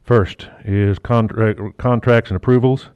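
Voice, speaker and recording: A low-voiced man runs a council meeting as mayor, his words muffled through a face mask. He stops and restarts with plenty of fillers and slips in a light joke now and then. The sound is dull and dry, with no room around it. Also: fairly even intonation, unhurried, clear, resonant tone, no room sound. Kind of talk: chairing a city council meeting.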